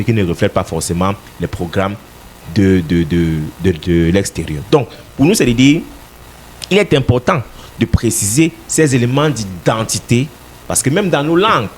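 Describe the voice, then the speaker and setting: This man, a party representative from Cameroon, responds forcefully to radio interview questions, occasionally repeating himself while finding his words. His pitch is fairly low, with a slight hiss or hum in the background.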